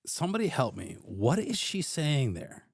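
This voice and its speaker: A man's voice: mid-range voice, huge pitch swings, normal speed, creaky, slightly rough. A man hosting a casual reaction commentary, often repeating words as he stumbles, and swearing now and then. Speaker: commentator host.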